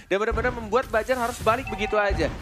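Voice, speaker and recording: A man with an Indonesian accent calling live game action like a fighting game announcer, excitedly, with exclamations and drawn-out calls. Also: sits high. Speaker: esports shoutcaster. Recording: game music behind the voice.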